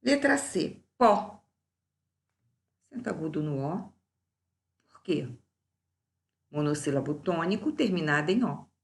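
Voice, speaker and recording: In a recorded class, a woman teacher works slowly and deliberately through the answers to grammar exercises, stretching out each example word. Her voice is low-pitched, gravelly, and sing-song.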